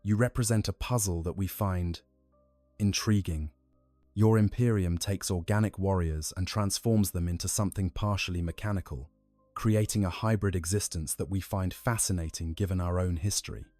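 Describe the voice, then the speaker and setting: A man voicing a calm, curious mechanical Necron leader in a measured way. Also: low-pitched, dry recording, soft background music, close to an everyday voice.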